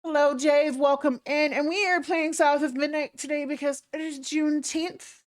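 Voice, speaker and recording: A woman's voice: high voice, steady tone, normal speed, no room sound, studio quality. A woman hosting a game livestream, greeting viewers in a cute, bubbly manner.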